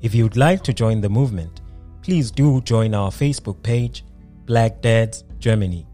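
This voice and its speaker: A man's voice: lowish voice, measured pace, dark tone, faint music behind. Man from South Africa hosting a podcast. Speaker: podcast host. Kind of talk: scripted intro and interview questions.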